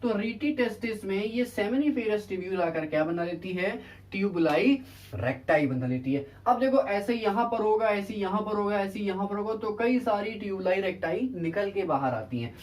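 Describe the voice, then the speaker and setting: A man's voice: sits high, expressive, moderate pace, a little mellow. A male biology teacher giving a casual classroom lecture. He keeps quizzing his students with rhetorical questions and then answers them himself, with a repeated check-in tag. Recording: voice distant from the mic.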